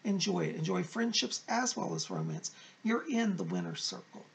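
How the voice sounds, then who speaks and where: A male fortune teller delivers horoscopes to his audience with emphatic encouragement. His voice is heavily creaky and moves up and down in lively swoops. He is effusive and addresses listeners directly. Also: high-pitched, normal speed, poor audio. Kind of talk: fortune teller's weekly horoscope reading to viewers.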